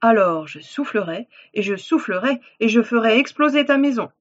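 A woman voicing a sly, hungry male wolf in a children's storybook reading, coaxing and drawing out his threats slowly. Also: fairly high pitch, animated, highs cut off. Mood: threatening. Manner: coaxing, then slow drawn-out threats.

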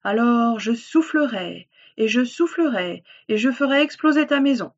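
A woman voicing a sly, hungry male wolf in a children's storybook reading, coaxing and drawing out his threats slowly. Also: fairly high pitch, expressive, lo-fi sound. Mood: threatening. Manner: coaxing, then slow drawn-out threats.

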